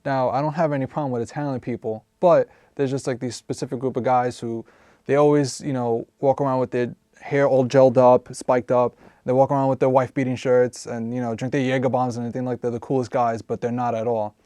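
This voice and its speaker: Young guy in his twenties, smooth mellow voice, rambly casual interview answers. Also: mid-range voice, level tone, fairly quick, no echo. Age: 20s. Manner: rambling, searching for words.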